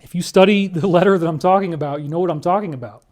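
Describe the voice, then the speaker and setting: A man delivering an emotional commentary monologue, emphatic and prone to sudden loud outbursts. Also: high voice, racing. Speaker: online commentator.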